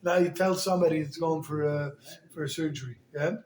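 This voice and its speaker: Rabbi guy giving a class, highish voice, mixing in yiddish words, echoey room. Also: fairly quick. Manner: animated, mixes Yiddish and Hebrew terms into English. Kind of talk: Torah class.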